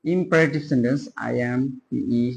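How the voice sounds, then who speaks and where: Fairly high-voiced man teaching grammar. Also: vocal fry. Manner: spells words out letter by letter, drawls key terms slowly. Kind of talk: casual spoken grammar lesson.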